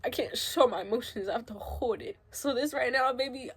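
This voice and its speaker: A young woman crying as she speaks a halting, emotional confessional vlog, her voice rising and breaking as she gets upset. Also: fairly high pitch, breathy edge. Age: young adult. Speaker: vlogger.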